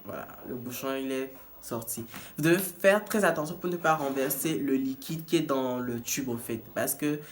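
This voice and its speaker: A man with a mid-range voice talks at a moderate pace over a slight hiss or hum. He works as a peer educator in prevention and casually demonstrates a test kit by hand, often stopping to restart and repeat himself.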